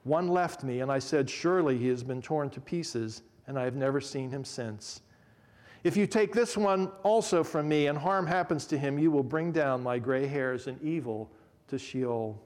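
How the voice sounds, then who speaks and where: A man reading scripture aloud as Judah, a grown man pleading humbly before a lord, in a slow, earnest dramatic reading. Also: mid-range voice, darkish tone, in a large hall, close to an everyday voice.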